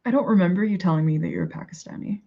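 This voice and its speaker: Speaking fast in a creaky voice on the low side, a Canadian-accented woman rambles chattily to her livestream viewers, thinking aloud and answering chat. It's casual live chat, and the recording is muffled.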